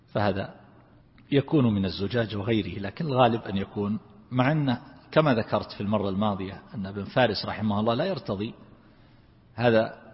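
A man teaching a lesson on Quran commentary, who explains slowly and repeats words to drill how their vowels are said. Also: on the low side. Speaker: sheikh teaching Quran exegesis. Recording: lo-fi recording in a reverberant hall.

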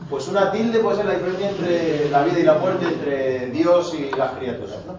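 A man's voice: a little high, normal speed, crowd noise. A man teaching a philosophy class, lecturing with rhetorical questions and emphatic asides. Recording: roomy, distant, dull, faint noise.

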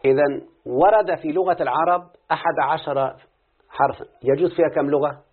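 A man's voice: a little high, fairly quick, husky. A man teaching Arabic morphology with an Egyptian accent, quizzing his student and repeating the answers back to him. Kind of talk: classroom lesson with questions to a student. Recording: phone-like lo-fi audio.

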